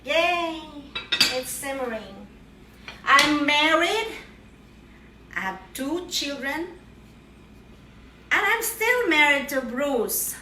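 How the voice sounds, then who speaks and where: A woman's voice: high-pitched, big pitch swings, very slow, long pauses, far from the mic, background noise. A middle-aged woman chatting playfully as she cooks at home, narrating each step with cheery exclamations. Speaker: home cook. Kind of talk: casual cooking vlog narration. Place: home kitchen. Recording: echoey room, voice from afar.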